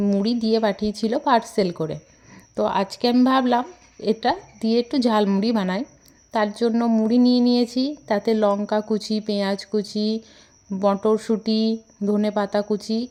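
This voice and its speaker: A woman with a West Bengali accent gives a recipe voice-over. Her voice is dark and mellow, set at a middling pitch. She explains plainly, one step after another. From West Bengal, India. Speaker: home cook presenting a recipe.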